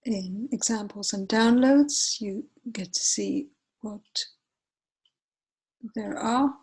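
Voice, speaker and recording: A Finnish woman in her forties with a Finnish accent shares her screen while presenting a software tutorial. She's unhurried and hesitant, often pausing with fillers and correcting herself. Her voice is mid-range and husky, and the audio is poor.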